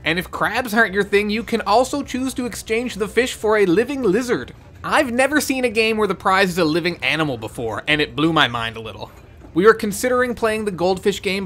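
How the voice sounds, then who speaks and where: A man's voice: high voice, fairly bright tone. A young man in his twenties giving dry, wry scripted voice-over narration for a road trip vlog. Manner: dry, wry, reading reviews in an overexcited voice.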